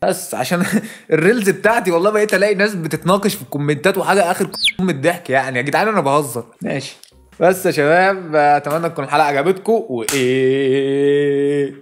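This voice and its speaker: A man's voice: fairly high pitch, faint music behind. A man with an Egyptian Arabic accent ranting in a comic monologue, with curses he cuts off mid-word. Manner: rapid exasperated ranting with clipped-off curses. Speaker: comedy video host.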